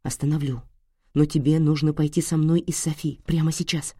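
A young man whispers soft comfort to his frightened sister in this storybook reading, voiced by a woman. The voice is low and quiet. It is recorded close and dry. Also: flat delivery, moderate pace, breathy edge, no room sound. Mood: soothing whisper. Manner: whispering, soothing.

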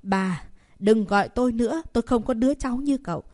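A woman's voice: normal speed, close to an everyday voice. A woman voicing a proud old grandmother in an audiobook, scolding her grandson in a raised voice. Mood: furious scolding. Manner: scolding, shrill and loud. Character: furious old grandmother, proud family matriarch.

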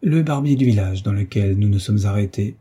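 A man's voice: lowish voice, a little fast, mellow, husky. A man voicing a respectful, earnest young page in an audiobook story.

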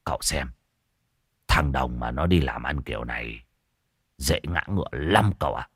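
A man voicing a sly older man who murmurs in a low, conspiratorial way. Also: moderate pace, a bit bright, breathy edge, no room sound, clean studio sound, full character voice. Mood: sly hush.

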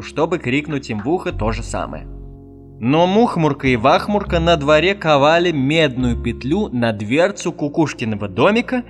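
A man reads a fairy tale aloud with a fairly high, lively voice that rises and falls a lot. His storytelling is expressive and animated, with faint music underneath. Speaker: audiobook narrator. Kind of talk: storybook narration.

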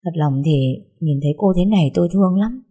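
A woman's voice: on the low side, brisk, warm tone, husky. A woman voicing a hesitant middle-aged housekeeper who refuses to open the gate in a story. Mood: evasive. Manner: evasive and apologetic.

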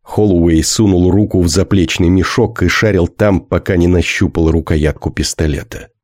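A man narrating a science fiction audiobook in a steady, measured way. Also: deep voice, dry recording, clean studio sound.

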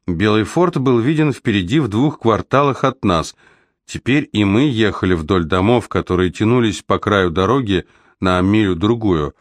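A man reading a novel aloud as an audiobook narrator, in a steady, even storytelling manner. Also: lowish voice, normal speed, no echo. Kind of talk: scripted narration.

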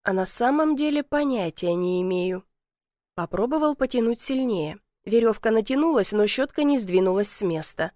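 A woman's voice: on the high side, lively intonation, moderate pace, dark tone, no room sound, studio quality. A woman reading a first-person audiobook story in a wry storytelling manner. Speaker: narrator. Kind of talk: audiobook narration.

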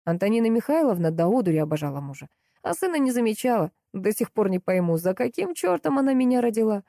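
A woman's voice: medium pitch, sing-song, fast, mellow, no room sound, clean studio sound. A woman voicing a brusque, commanding man in an audiobook, speaking curtly. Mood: explaining. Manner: curt, commanding.

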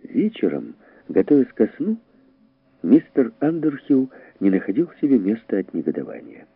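A man's voice: huge pitch swings, moderate pace, creaky, slightly rough, dry recording. Man, audiobook narrator, dramatic delivery, tinny lo-fi sound. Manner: dramatic, voices characters with raised pitch. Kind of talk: expressive audiobook reading.

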